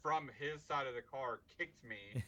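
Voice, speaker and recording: Bright-voiced man on a dull recording. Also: medium pitch, slight background noise. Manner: halting, lots of likes and restarts. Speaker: podcast co-host. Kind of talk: casual sports chat.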